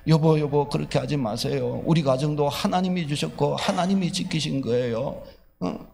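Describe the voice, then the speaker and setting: A pastor voicing a devout wife who gently pleads with her husband. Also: on the high side, normal speed, gravelly, long reverb tail. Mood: pleading. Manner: soft, pleading.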